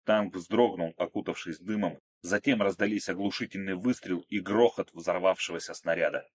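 A man narrating an action story in a steady, measured, dramatic reading. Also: sits low. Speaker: audiobook narrator.

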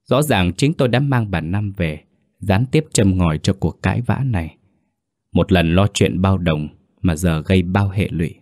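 A man tells a scripted ghost story in a steady, earnest first-person voice. His pitch sits low and the close mic leaves it dry, with no room around it. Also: moderate pace, no room sound.

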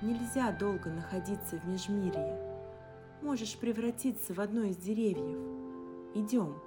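A woman voicing a calm, tender young woman who gently reassures her friend. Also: mid-range voice, moderate pace, pitched above the performer's own voice, close to an everyday voice. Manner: gentle, reassuring, soft sighs. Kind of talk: audiobook character reading. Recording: guitar music underneath. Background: guitar music.

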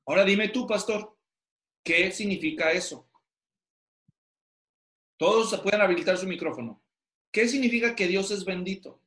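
A man teaches pastors over a video call, his voice high for a man. He keeps firing questions at his students to pull answers out of them. The room around him sounds roomy and echoey. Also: normal speed, pauses often, fairly bright tone. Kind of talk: interactive online class. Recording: roomy echo.

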